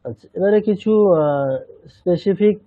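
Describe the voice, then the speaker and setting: A man teaching a chanting class, patiently explaining and slowly repeating sounds, sometimes switching into English. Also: high-pitched, no echo. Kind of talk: online language lesson. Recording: tinny phone-like line.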